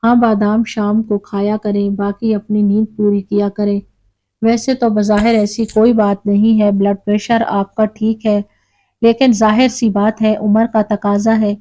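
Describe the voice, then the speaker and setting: A woman voicing a calm doctor giving gentle advice. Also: medium pitch, close to an everyday voice, low-quality recording. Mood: kindly. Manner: gentle advising.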